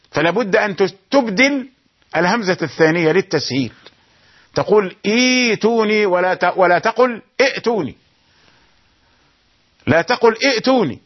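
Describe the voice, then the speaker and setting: A man teaching the rules of Quran recitation, explaining each point and then slowly chanting the example verses. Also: sits high, dull audio. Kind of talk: tajweed lesson with chanted verses.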